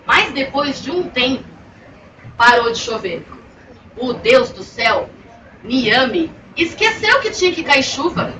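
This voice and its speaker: A woman tells a children's story with animated, expressive delivery. Her voice is high and swings widely. She is picked up from afar in a roomy bookstore, with crowd murmur and noise behind her. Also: slow pace, distant mic, highs cut off. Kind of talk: dramatized children's story narration. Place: bookstore, indoors, live audience.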